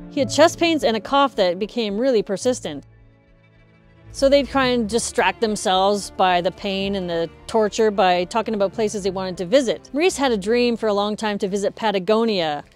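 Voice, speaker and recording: A middle-aged woman telling a true story to camera in a casual, lively way, with a lapel mic, in front of a woodpile. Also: medium pitch. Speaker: host. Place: indoors in front of a stacked woodpile.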